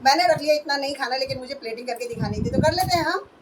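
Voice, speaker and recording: A hoarse woman in her thirties chatting through a home vlog, describing her chores step by step. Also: high-pitched, very fast, heavy background noise. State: hoarse, voice going. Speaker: vlogger. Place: at home, indoors.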